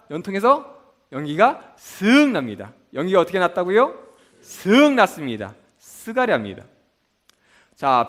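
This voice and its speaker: Lively high-voiced man teaching a class. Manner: asks the class to repeat, then answers himself. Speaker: Bible school teacher. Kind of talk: mnemonic lesson with call-and-response questions.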